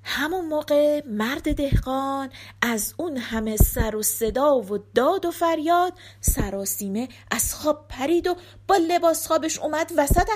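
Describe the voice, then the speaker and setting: A woman reading a folk tale aloud with expressive, animated delivery. Her voice sits high and swoops widely as she moves the story along. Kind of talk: scripted narration of a folk tale.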